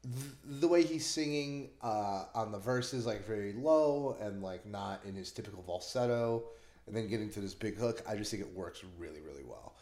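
A man's voice: fairly low pitch, expressive, normal speed, darkish tone, echoey room. A man hosting a casual music podcast, talking enthusiastically with lots of fillers. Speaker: podcast host. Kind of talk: casual chat.

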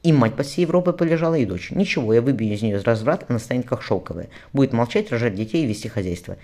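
Scheming priest in his thirties, read by a male narrator: brisk, lively delivery, gentle surface over cold contempt. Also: mid-range voice, natural voice. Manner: outwardly gentle, secretly contemptuous.

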